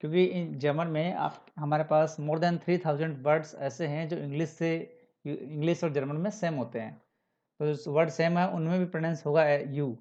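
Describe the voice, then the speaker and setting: A man teaching the German alphabet, spelling out letters slowly, repeating example words and mixing English words into his explanations. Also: fairly high pitch, fairly even intonation, a little mellow. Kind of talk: classroom-style alphabet lesson. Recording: dull, slightly lo-fi sound.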